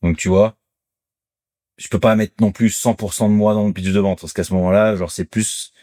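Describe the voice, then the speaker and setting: A man with a deep, mature-sounding voice, a podcast guest and salesman chatting casually and acting out sales pitches with lively energy. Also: normal speed, no echo, studio quality. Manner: animated, lively storyteller who acts out sales pitches. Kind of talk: casual conversational interview.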